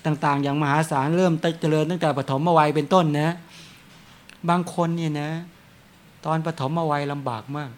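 Monk, man, relaxed storytelling sermon, slightly higher voice. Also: normal speed. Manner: chatty, tells anecdotes with frequent chuckles. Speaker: Buddhist monk. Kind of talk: dharma talk with storytelling.

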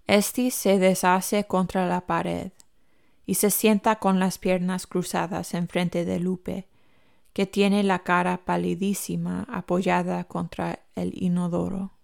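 A woman reading a fan fiction story aloud as a podfic, in an even, unhurried narration. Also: on the low side, vocal fry. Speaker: podfic reader.

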